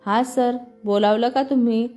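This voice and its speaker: A woman's voice: a little high, fairly even intonation, moderate pace, mellow, faint music behind, close to an everyday voice. A woman voicing a deferential young man who works as an office helper. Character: polite young male office peon.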